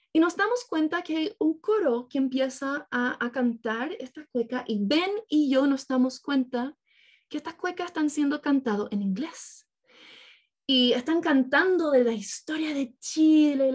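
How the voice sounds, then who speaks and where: A woman with a bright, high voice delivers a sermon to a congregation. She tells the story as an imagined scene and keeps asking her listeners for agreement as she goes. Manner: engaging, keeps checking in with listeners. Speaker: preacher.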